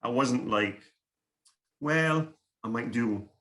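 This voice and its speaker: Taking things slowly, a middle-aged man from Scotland delivers a workshop presentation by video call as a guest speaker. His Scottish-accented voice is mid-range and fairly bright, and he is earnest, frequently repeating words.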